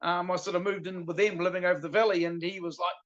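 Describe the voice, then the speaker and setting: A man's voice: high-pitched, flat delivery, fast talker, fairly bright tone. A middle-aged man with a broad New Zealand accent, chatting casually as an interview guest in a laid-back, slangy way. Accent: broad New Zealand (Kiwi). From South Island, New Zealand. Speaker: guest, veteran stock car driver. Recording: dull lo-fi call audio.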